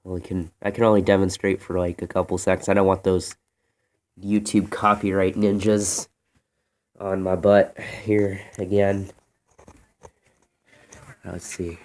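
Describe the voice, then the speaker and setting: Speaking a little slowly in a low, darkish voice with a level tone, an American radio enthusiast pauses often while informally showing a vintage set. The phone video is noisy and has clicks.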